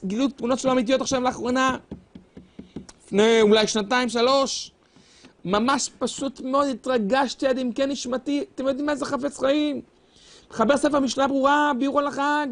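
A man gives a fervent sermon in a high-pitched voice. His delivery rises and falls in a sing-song preaching cadence. He stretches some phrases into long, wailing cries. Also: a bit bright.

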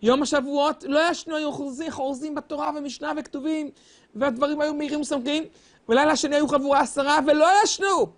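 High-voiced man preaching with fervor. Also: steady tone. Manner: impassioned sing-song preaching, with drawn-out wailing cries. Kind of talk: sermon.

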